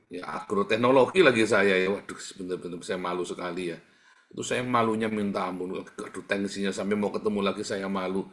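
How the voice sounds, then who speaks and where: A middle-aged man preaching a sermon in with a lilt, telling a personal story. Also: vocal fry. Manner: animated storytelling, big swings in pitch and loudness.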